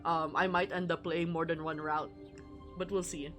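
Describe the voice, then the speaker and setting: This woman streaming a visual novel speaks in a low-pitched, level tone at normal speed. She reads lines from the game and chats loosely in a wry, meandering way. Music can be heard behind her voice.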